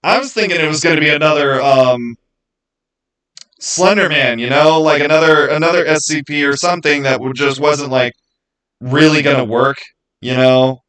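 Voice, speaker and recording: The recording is rough, but the voice comes through a little high, steady, and fairly bright at a moderate pace. He's a YouTube creator livestreaming from a small indoor home studio, rambling casually to viewers and repeating words for emphasis.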